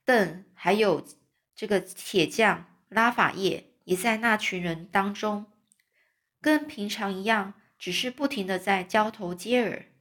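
A woman reading a children's novel aloud, pausing to explain words in friendly asides. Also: medium pitch, fairly bright tone. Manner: explains words to young listeners, chatty asides. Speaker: storyteller.

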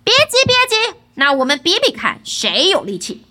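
A woman voicing a brash, fearless young man who talks loudly and cockily in a fairy tale. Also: high voice, huge pitch swings, moderate pace, exaggerated voice. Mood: cocky. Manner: loud, cocky shouting.

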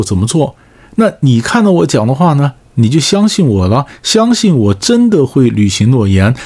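Husky-voiced man with a Taiwanese accent. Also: mid-range voice. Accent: Taiwanese Mandarin. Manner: lively, keeps asking rhetorical checks. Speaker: lecturer on negotiation. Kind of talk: spoken lecture.

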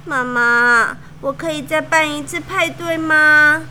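A woman's voice: slow pace, a little hiss or hum, full character voice. A woman voicing a spoiled little princess girl who sobs and wails shrilly. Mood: meek. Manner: sobbing, shrill, loud wailing.

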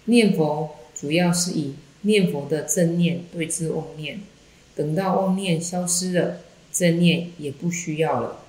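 A woman Buddhist teacher calmly reading a Buddhist text aloud in a measured way, in an echoey room. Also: deep voice.

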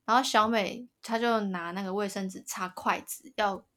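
A woman's voice: mid-range voice, moderate pace. A young woman with a Taiwanese Mandarin accent, casually retelling a funny story as a podcast co-host. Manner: animated retelling with quoted voices.

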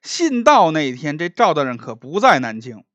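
Animated male storyteller. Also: on the high side, no room sound. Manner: animated, dramatic pauses and rises. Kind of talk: traditional oral storytelling.

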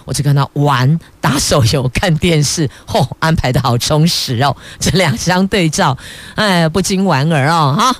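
A woman's voice: sits low, moderate pace, dry recording. A middle-aged woman with a Taiwanese Mandarin accent, a radio news host reading headlines and adding chatty, playful asides to listeners.

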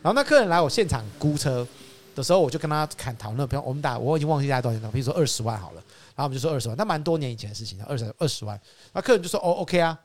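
A man with a Taiwanese Mandarin accent, a used car dealer telling stories in an animated, casual chat. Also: racing. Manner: animated, acts out customers and his father with rising pitch and laughter.

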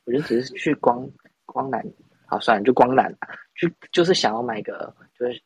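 A man's voice: medium pitch, sing-song, fairly quick, vocal fry, husky, no echo, low-quality recording. A young man from Taiwan, telling a rambling, self-mocking story in a casual podcast chat. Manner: rambling, self-mocking, many restarts and laughs. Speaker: podcast host.

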